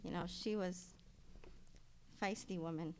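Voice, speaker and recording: A woman's voice: lowish voice, takes it slowly, smooth. Rambling middle-aged woman giving a eulogy. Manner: rambling storytelling with many fillers and restarts; grows loud and animated at the punchlines. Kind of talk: funeral eulogy, personal anecdotes. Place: funeral service.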